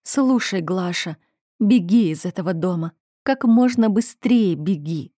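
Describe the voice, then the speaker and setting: A woman's voice: lowish voice, expressive, warm tone, no room sound, clean studio sound. A woman voicing a hysterical, melancholy young noblewoman who sobs and lashes out. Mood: distraught. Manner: sobbing, drawn-out, raised outbursts.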